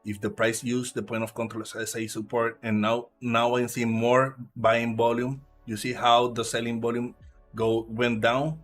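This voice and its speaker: A man from Puerto Rico with a Puerto Rican Spanish accent and Spanish as his first language, giving halting live trading commentary while he reads the chart aloud. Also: medium pitch, little pitch movement, a bit bright, soft background music. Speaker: live trader.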